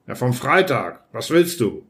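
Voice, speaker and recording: A man voicing a phlegmatic man, his own later self, who answers in an unhurried, offhand way in an audiobook. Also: medium pitch, sing-song, fairly bright tone.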